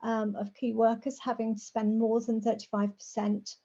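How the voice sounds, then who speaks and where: A middle-aged or older woman who says her r's as w, giving an informal, measured presentation in a conversational manner. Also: a little high, flat delivery. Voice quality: says w for r, soft r sounds. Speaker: guest speaker, rural housing specialist. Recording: dull, lo-fi call audio.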